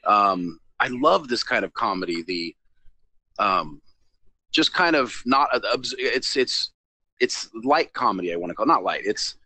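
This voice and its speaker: A man's voice: on the low side, lively intonation, measured pace, pushed and bright, no room sound. A man co-hosting a TV recap show, talking in an easygoing way and searching for the right words. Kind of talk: casual review chat.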